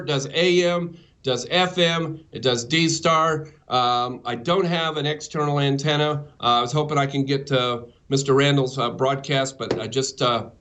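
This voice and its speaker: A man presenting a ham radio segment gives a casual live demonstration, enthusiastic and informal, calling his listeners "folks." His voice is medium in pitch with a fairly bright tone.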